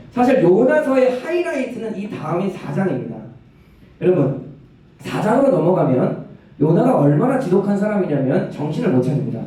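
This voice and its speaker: Animated young male preacher in echoey church. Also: sits high. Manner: animated storytelling, asks the congregation questions. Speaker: youth ministry preacher. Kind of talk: lively sermon. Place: church sanctuary. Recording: echoey hall, mic from a distance.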